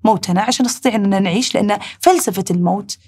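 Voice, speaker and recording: A woman with a Saudi accent hosting a heartfelt talk, reflecting aloud in rushed bursts. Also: mid-range voice, warm tone, breathy edge. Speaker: podcast host.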